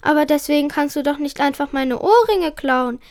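A reader voicing an emotional, upset schoolgirl from a children's book, loud and shrill. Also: expressive, normal speed.

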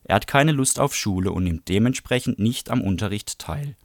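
A man presenting a book and reading a passage aloud in an even, measured storytelling manner. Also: fairly low pitch, no echo, studio quality. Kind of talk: book review and read-aloud.

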